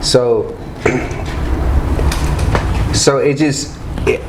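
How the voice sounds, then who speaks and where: A man's voice: mid-range voice, fairly even intonation, drawn-out words, noisy background. A man, a rapper guest, talking in a loose, rambling casual chat, often asking "you know what I mean".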